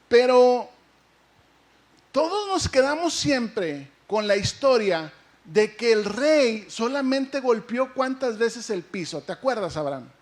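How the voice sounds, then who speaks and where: High-voiced lively pastor. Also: male voice, slow pace. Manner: lively preaching, asks the congregation questions and acts out the story. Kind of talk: sermon.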